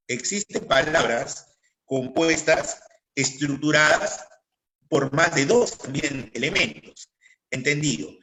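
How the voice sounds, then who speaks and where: A man's voice: on the high side, pushed and bright, poor audio. A man teaching a grammar class online, who keeps checking that his students are following.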